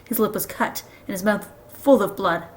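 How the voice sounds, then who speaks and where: A woman reading a children's novel aloud, expressive and lively. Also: medium pitch, normal speed, slight background noise, rough recording. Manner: expressive, does voices for characters. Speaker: storybook reader.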